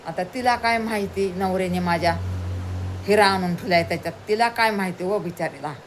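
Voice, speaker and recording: A woman's voice: mid-range voice, a little fast, a little hiss or hum, poor audio. A woman telling a folk tale aloud, repeating phrases and addressing her listeners with asides. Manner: repetitive, chanting retelling with rhetorical asides. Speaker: storyteller.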